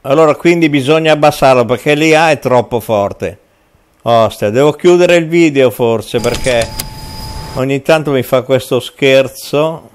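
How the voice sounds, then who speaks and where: A man hosting a casual gameplay video from home, talking in a halting way with many fillers. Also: mid-range voice, a little hiss or hum.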